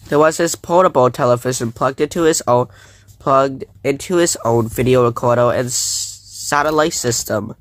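A man reading a children's book aloud in a plain, steady storytelling voice. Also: mid-range voice, normal speed, no room sound. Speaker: reader.

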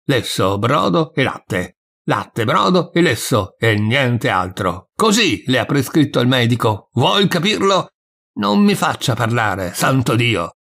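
A man voicing a hot-tempered male sacristan who shouts and scolds, with a gravelly, husky voice, in an audiobook reading. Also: mid-range voice, very animated, slow, full character voice. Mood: furious shouting. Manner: furious, scolding outbursts. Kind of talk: audiobook reading of a short story.

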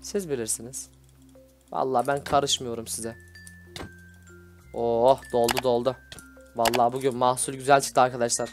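A man hosting a Minecraft role-play video, excitable and scolding with loud exclamations. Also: mid-range voice, normal speed, long pauses, soft background music. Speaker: gaming video host.

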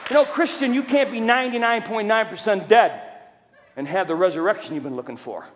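A middle-aged man preaches a testimony sermon in a high, ringing voice, often shouting and joking with the crowd. His words trail off in the long reverb of a big church hall. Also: fairly quick. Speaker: preacher and fire department chaplain.

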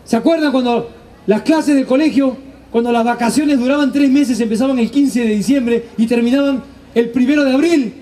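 A man's voice: very high voice, normal speed, dark tone. A man doing a stand-up comedy monologue, telling stories animatedly and acting out his family's voices. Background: audience laughter.

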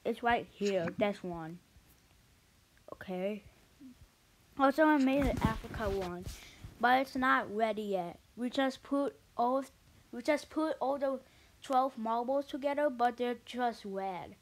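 A woman casually commentating a marble race video in a rambling, chatty way, with sudden excited shouts. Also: on the high side, slow, a little hiss or hum. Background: background music.

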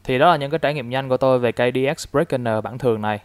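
A man's voice: mid-range voice, racing, no echo. A man from Vietnam casually reviewing a toy, explaining it step by step with frequent fillers.

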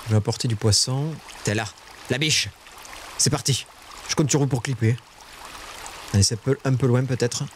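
A man streaming a survival game, talking to his chat in casual live commentary and shrieking high when startled. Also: normal speed, pauses often, a little hiss or hum.

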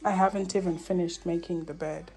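A woman's voice: fairly low pitch, steady tone, fairly quick, darkish tone, slightly rough, faint music behind. A woman hosting a casual home vlog, chatty and playfully scolding as she tidies. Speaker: vlogger.

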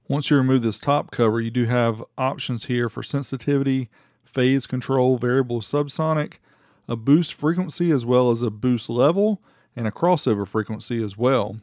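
Faint background music sits beneath this casual product review voice-over from a middle-aged American man who runs a car audio amplifier review channel. He is playful and showy in his emphasis, speaking at a moderate pace in a darkish, medium-pitched voice, with studio-quality, echo-free sound.

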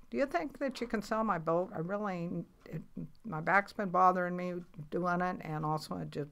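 In a casual storytelling interview, a woman in her eighties who spent her life as a commercial fisher tells her story in a rambling, matter-of-fact way, restarting often. Her voice is low and fairly bright, with vocal fry.

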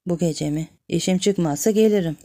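A woman's voice: lowish voice, normal speed, mellow. A woman voicing a sly, lecherous middle-aged village man who coaxes and then threatens. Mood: coaxing.

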